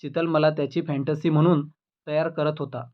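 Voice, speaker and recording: A man's voice: on the high side, little pitch movement, a little fast, muffled recording, close to an everyday voice. A man reading as a bitter wronged wife. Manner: cold, cutting reproach.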